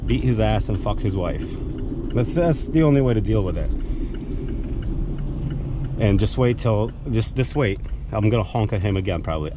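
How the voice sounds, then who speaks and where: A man's voice: fairly low pitch, mellow. A man talking casually while he drives, cursing at other drivers. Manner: cranky, swearing at other drivers. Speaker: vlogger. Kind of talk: casual driving vlog commentary. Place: inside a car on city streets. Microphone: camera mounted in the car. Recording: car and street noise behind.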